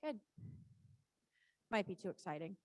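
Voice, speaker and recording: A woman's voice: mid-range voice, big pitch swings, measured pace, no echo. A woman working as a riding coach, calling out short, repeated cues live in an encouraging, informal and reassuring way.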